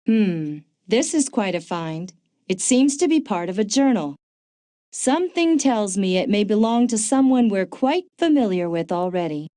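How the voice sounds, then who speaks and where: A woman voicing a smart, dry-witted female agent in a video game, calm and informative with a touch of sarcasm. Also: medium pitch, normal speed, no room sound, close to an everyday voice. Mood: wry. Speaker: game character, field agent. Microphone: dry studio mic.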